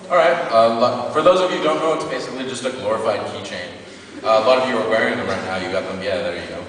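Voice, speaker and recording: A man's voice: lowish voice, quick pace, background noise. A man performing spoken-word poetry on stage, mixing crude joking banter with the audience and dramatic poetic delivery. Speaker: slam poet performer. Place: live venue with an audience. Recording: echoey hall recording from far off.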